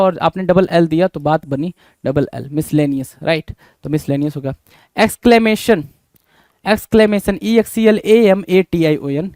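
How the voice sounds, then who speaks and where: A man's voice: sits high, a little mellow, no room sound, studio quality. A man teaching an exam-prep spelling lesson, drilling each word by spelling it letter by letter and asking the class rhetorical questions.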